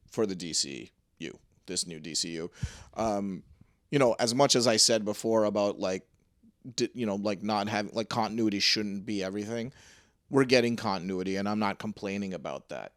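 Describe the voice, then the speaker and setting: A man co-hosting a podcast in casual chat, excitable and swearing freely, with lots of fillers and restarts. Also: fairly low pitch, normal speed, clean tone, no room sound, clean studio sound. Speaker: podcast co-host.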